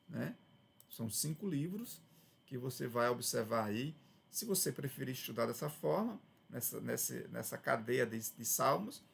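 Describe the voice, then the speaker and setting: Man, Brazilian accent, Bible teacher, very gravelly, husky, conversational lesson. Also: medium pitch. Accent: Brazilian Portuguese. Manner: conversational, frequent "né?" tags and restarts.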